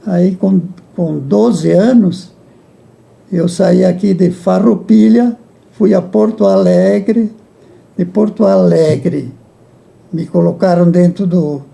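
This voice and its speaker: A man, a guest recalling his youth in a halting way that repeats words, with frequent chuckles. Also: high voice, creaky, mellow. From Rio Grande do Sul, Brazil. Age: 80s. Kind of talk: reminiscing in a casual interview.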